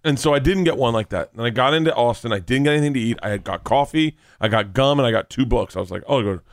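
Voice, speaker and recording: A man's voice: mid-range voice, fast, dry recording, clean studio sound. A young adult man co-hosting a podcast, telling rambling stories in casual chat, swearing and acting out what people said. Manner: rambling storyteller, swears, acts out quotes. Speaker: podcast co-host.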